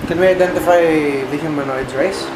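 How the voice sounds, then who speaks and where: Echoey higher-voiced man at game table. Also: brisk. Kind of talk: casual game-table chat. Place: echoey room. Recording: echoey room, loud background noise.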